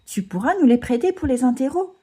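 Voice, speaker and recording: Casting: a woman as a keen little gang leader of a boy, excited and rallying, voice pitched up. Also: a little fast, breathy edge. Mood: friendly. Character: eager schoolboy gang ringleader.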